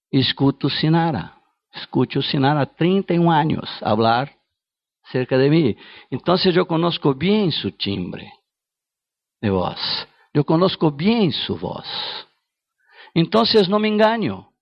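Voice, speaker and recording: Slow, gravelly Brazilian-accented preacher. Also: male voice, fairly high pitch, animated, no room sound, highs cut off. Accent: Brazilian Portuguese. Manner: earnest, emphatic preaching. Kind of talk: sermon.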